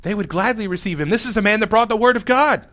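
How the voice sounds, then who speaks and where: A man's voice: sits high, fast talker, fairly bright tone. A man preaching a sermon, telling a scripture story in a wry, exasperated way. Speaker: pastor.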